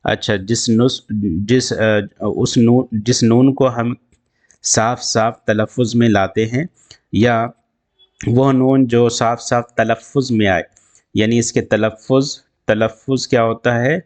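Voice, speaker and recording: A man teaching an Urdu grammar lesson, explaining slowly and repeating himself with restarts, with an Indian Urdu accent. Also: medium pitch, fairly even intonation, darkish tone. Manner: slow, repetitive explaining with restarts.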